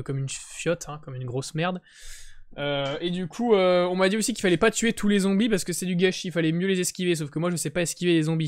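A man's voice: on the high side, smooth. A young man with a French accent chatting casually and joking with viewers as a live streamer. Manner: joking, greets chat viewers, self-mocking. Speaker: Twitch streamer.

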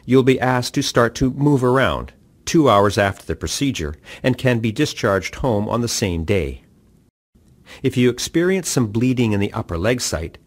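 A man giving calm, measured scripted narration for a patient orientation video. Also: mid-range voice. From Canada. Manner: calm, measured instructional delivery.

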